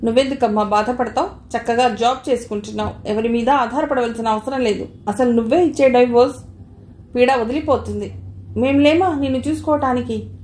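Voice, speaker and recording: A woman's voice: on the high side, brisk, a little mellow, echoey room, slight background noise, close to an everyday voice. A woman reading the part of a scheming older mother who coaxes her daughter in a motherly way. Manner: coaxing, motherly.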